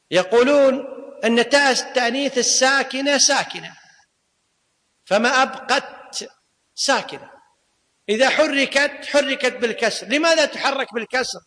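A teacher of Islamic law and grammar lectures his class with a very high, bright and forceful voice, the sound echoing long through a lecture hall. He tests his students with questions and goes back over the main points.

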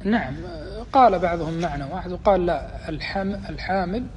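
A man teaching a religious lesson, explaining deliberately and quizzing his students as he goes. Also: high-pitched, lively intonation, crowd noise. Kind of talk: explanatory lecture. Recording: long reverb, faint ambience.

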